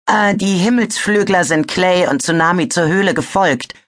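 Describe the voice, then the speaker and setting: A woman's voice: on the low side, moderate pace, pitched above the performer's own voice, natural voice. A woman voicing a nervous, stammering male dragon in a storybook reading. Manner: stammering, hesitant.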